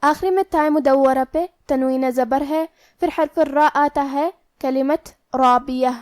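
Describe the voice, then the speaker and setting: A woman's voice: high-pitched, steady tone, a little mellow, no echo. A woman teaching Quran recitation rules, explaining each letter and its rule methodically, step by step. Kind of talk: tajweed lesson.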